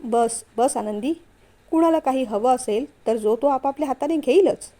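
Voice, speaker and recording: A woman reads out a strict older father with a curt, serious way of speaking. The voice is high and mellow in a storybook reading. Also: normal speed. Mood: stern. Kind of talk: storytelling read-aloud.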